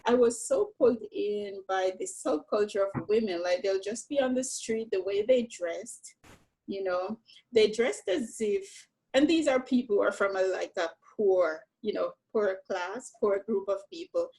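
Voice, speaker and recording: A woman from Jamaica, a painter telling her story in a relaxed, reflective conversation, often saying "you know". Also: medium pitch, measured pace, breathy edge, low-quality recording. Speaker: painter, interview guest.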